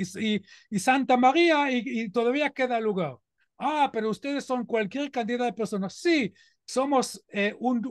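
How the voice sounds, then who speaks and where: A middle-aged man with an Israeli accent addresses a community audience. His voice sits notably high, and his delivery is earnest and emphatic, peppered with rhetorical questions. The recording is close and dry, with almost no room sound. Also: no room sound. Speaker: guest speaker. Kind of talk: informal talk to a community audience.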